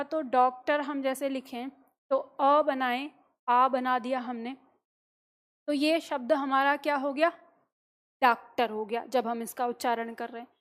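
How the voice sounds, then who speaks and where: A woman with a high voice gives a classroom-style grammar lesson. She works through each point slowly, puts questions to her listeners and then answers them herself. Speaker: Hindi teacher.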